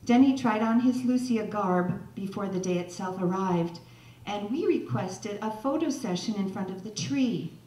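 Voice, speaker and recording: A woman's voice: medium pitch, moderate pace, hardly any pauses, warm tone. A woman storyteller and mother reading a personal story aloud at a live holiday event, with wry, self-mocking humor. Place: holiday sing-along event, indoors. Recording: echoey live-room recording from a distance.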